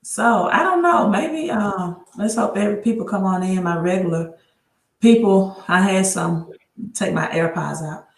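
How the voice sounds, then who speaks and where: Speaking unhurriedly in a mid-range voice, a woman runs a casual credit livestream as its host and educator, chatting away, restarting sentences, and sorting out tech as she talks. Her laptop mic gives a roomy, rough recording.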